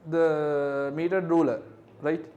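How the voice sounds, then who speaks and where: Here a physics tutor whose voice is high and light talks through exam questions, breaking down each figure in steps. He checks on his class with quick tag questions, though his delivery is flat and the audio lo-fi.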